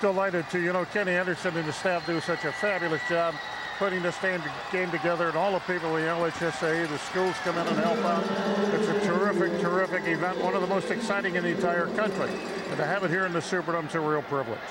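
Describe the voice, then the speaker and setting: A male PR manager gives an effusive interview in a high, quick voice. Loud stadium noise surrounds him. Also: steady tone. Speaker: venue PR manager being interviewed. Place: indoor stadium field. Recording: very noisy domed stadium field.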